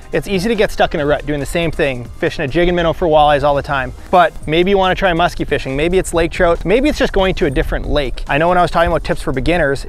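A man in his thirties, standing in a boat on a lake, giving chatty, energetic fishing tips to the camera as a fishing pro. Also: a little high.

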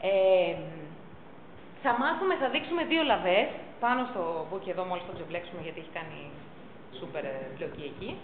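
Emphatic woman giving a lively lecture. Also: lowish voice, narrow, tinny audio, slight background noise. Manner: emphatic, repeats key points. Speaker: first aid instructor. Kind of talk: public talk on pet first aid. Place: council chamber.

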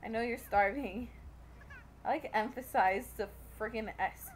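A woman's voice: on the high side, unhurried, a little hiss or hum. A young woman casually commentating her gameplay and chatting to the characters on screen as she plays. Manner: chatty, talking to the game characters. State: pregnant, hot. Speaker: gaming video creator.

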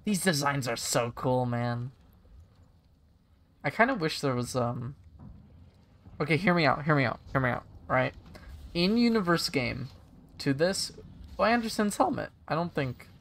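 A young man casually commentating a game stream, excitable and giggly, thinking out loud as he plays. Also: fairly high pitch, measured pace, long pauses.

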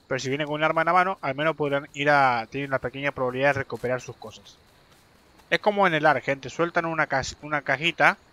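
A man's voice: mid-range voice, bright, forceful tone. A young man giving chatty live commentary as he plays a game, talking straight to his viewers and swearing and yelping when fights go badly. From Argentina. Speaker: game streamer.

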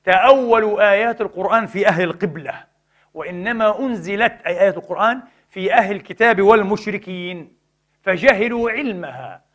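A middle-aged male preacher with a high voice delivers an impassioned religious lecture. He keeps asking rhetorical questions and answering them himself, swinging from forceful exhortation to quiet, pleading warnings. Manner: emphatic, swings between loud exhortation and hushed pleading.

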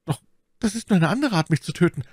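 A man's voice: high voice, lively intonation, quick pace, a little mellow, breathy edge, no echo, voice pushed up. A wounded coward of a soldier begs and whimpers in a voice pushed far above the reader's own, as a man acts him out in an audiobook. The delivery is dry and close, panicky and pleading. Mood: frightened pleading.

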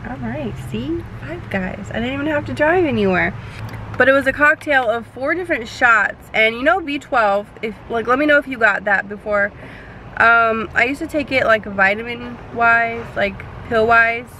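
A woman's voice: fairly high pitch, moderate pace, sharp tone, a little hiss or hum, poor audio. A young woman chatting casually to viewers while she sits in her car between delivery orders, rambling and full of "like" fillers. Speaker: delivery driver vlogger. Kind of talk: casual chat while driving. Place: inside a parked car.

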